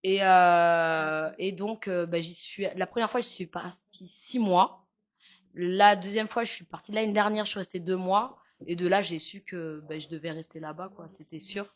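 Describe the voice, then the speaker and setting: Her voice is lowish and steady, moving at normal speed, with a Parisian French accent. The young woman, a massage therapist, talks frankly in a casual interview, joking often and using many fillers.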